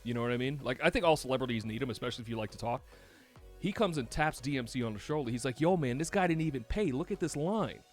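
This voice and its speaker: Animated New York man telling stories. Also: mid-range voice, fast talker, faint music behind. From United States. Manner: animated, swearing, laughs a lot while telling stories. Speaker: podcast host. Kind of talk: casual storytelling chat.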